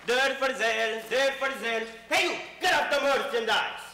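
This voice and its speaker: An actor playing a pushy, grotesque street merchant who hawks and bargains in a stage comedy. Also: male voice, very high-pitched, normal speed, pushed and bright, heavily acted. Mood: grumpy. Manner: gruff hawking, bargaining. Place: theatre stage. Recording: echoey stage recording, noisy.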